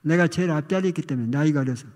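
An older male pastor giving a sermon testimony, telling a childhood story with animated, acted outcries. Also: a little high, rapid-fire. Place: church sanctuary. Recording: long reverb of a church hall.

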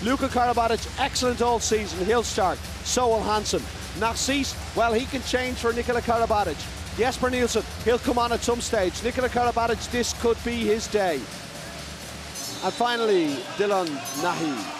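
A man giving live handball commentary in short, emphatic, excitable phrases. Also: very high-pitched, moderate pace, over music. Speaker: sports commentator. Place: large indoor sports arena with crowd.

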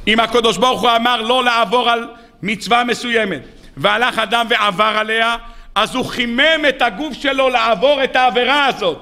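A rabbi with a high-pitched, sharp-edged voice preaches a sermon. He tells the story in an animated way and keeps asking his listeners rhetorical questions. His tone stays bright and forward throughout.

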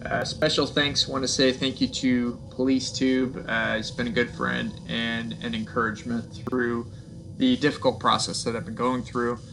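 A man's voice: medium pitch, level tone, moderate pace, creaky, background noise. A man casually introducing a video as its host, addressing viewers directly.

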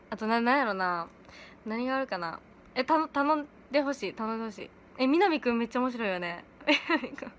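A chatty teenage girl speaks with an in a casual livestream from home. Her voice sits fairly high and swings widely as she giggles between lines. A faint hum of ambience lies behind her. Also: fairly bright tone. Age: late teens. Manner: giggly, chatty, often breaks into laughter. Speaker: idol livestreaming to fans. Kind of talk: casual livestream chat reading comments. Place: at home in pajamas.

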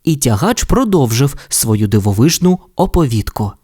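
A male storyteller reading a children's audio fairy tale. His voice sits at an ordinary middle pitch but moves up and down freely. The delivery is expressive and warm toward young listeners. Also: normal speed, breathy edge.

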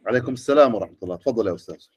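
A man's voice: on the low side, lively intonation, racing, slightly rough, no echo. A middle-aged man, lecturing teachers and often checking with the audience. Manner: questioning the audience.

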